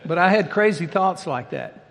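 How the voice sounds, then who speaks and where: A man's voice: high-pitched, wildly swooping pitch, normal speed, fairly bright tone. Older man preaching in a reverberant hall. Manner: folksy, conversational preaching with plain talk. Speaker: pastor. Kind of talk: sermon.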